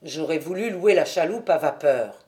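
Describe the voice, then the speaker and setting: A woman voicing a calm, shrewd male detective in a French audiobook. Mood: diplomatic. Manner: measured and low.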